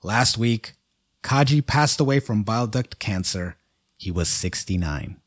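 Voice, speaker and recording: A man's voice: on the low side, expressive, measured pace, slightly rough, dry recording, clean studio sound. A man co-hosting a casual podcast, chuckling at his own jokes and stumbling over foreign words. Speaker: podcast co-host.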